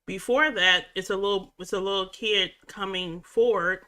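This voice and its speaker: Bright-voiced woman recapping casually. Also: mid-range voice, normal speed. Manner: rambling, frequent restarts and fillers. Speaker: reaction vlogger. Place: home.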